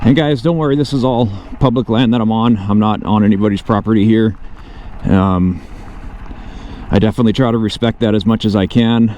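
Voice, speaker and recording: A man's voice: on the low side, fairly quick, lo-fi sound. A man narrating a casual, off-the-cuff vlog outdoors on a motorcycle, thinking aloud to himself and his viewers. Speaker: motovlogger. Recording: loud vehicle and outdoor noise.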